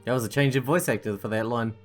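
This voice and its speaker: A woman's voice: very deep voice, fast talker, soft background music. A woman doing a let's play, reading game narration aloud and adding casual commentary.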